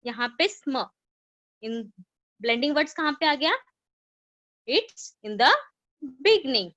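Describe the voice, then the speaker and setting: Slow, lively-voiced Indian woman teacher. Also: high voice, no echo. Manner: slow, drawn-out teaching with repeated questions, switching between English and Hindi. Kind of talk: online phonics lesson for children.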